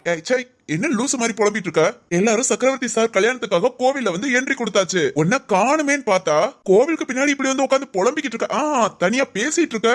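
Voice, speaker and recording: A woman's voice: on the high side, lively intonation, fast, natural voice. A woman voicing a young husband in a family audio drama, teasing and reassuring his wife. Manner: scolding yet affectionate, reassuring.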